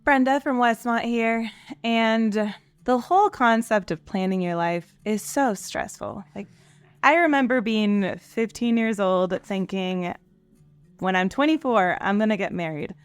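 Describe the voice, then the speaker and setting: A woman's voice: mid-range voice, measured pace, smooth, no room sound, soft background music. A woman in her late twenties, an admissions counselor giving upbeat, chatty advice on a panel. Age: 20s.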